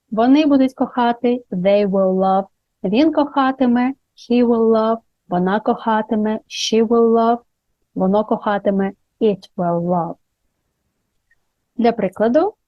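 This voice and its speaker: A woman's voice: medium pitch, dark tone, no room sound. Female language teacher, patient and careful with examples; dry, slightly muffled recording. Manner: slow, careful modelling of English examples. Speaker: English teacher. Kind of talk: grammar lesson for Ukrainian speakers.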